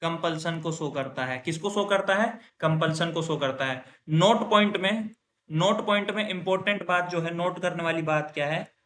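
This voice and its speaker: Male grammar teacher, high-pitched voice, lecture style; asks his own questions and stresses example sentences loudly and slowly. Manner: explains step by step, often asks and answers his own questions. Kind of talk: classroom lecture.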